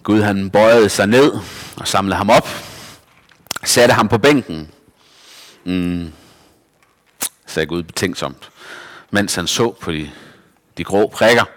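Man reading a children's story, slightly low, lively, roomy reverb. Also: long pauses.

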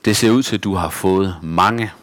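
Man doing a deep, gentle bearded woodcarver. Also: big-room sound. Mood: reassuring. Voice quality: deep, strong voice. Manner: gentle, thoughtful. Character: big bearded kindly male woodcarver.

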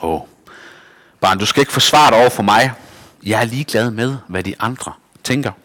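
A man voicing a big, bearded, kindly woodcarver with a deep, strong voice and a gentle, thoughtful manner. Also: in a large hall, natural voice. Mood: reassuring.

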